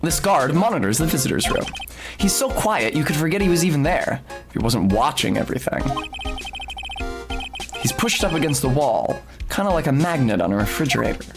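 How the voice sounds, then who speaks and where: A man's voice: fairly high pitch, very animated, brisk, vocal fry. A man reading a video game aloud as a playthrough, with wry, playful asides. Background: music.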